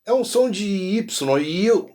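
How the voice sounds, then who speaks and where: A man with a Brazilian accent, teaching an English lesson and sounding out model phrases slowly, with frequent check-ins. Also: sits high, animated, darkish tone. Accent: Brazilian Portuguese. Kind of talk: explanatory language lesson.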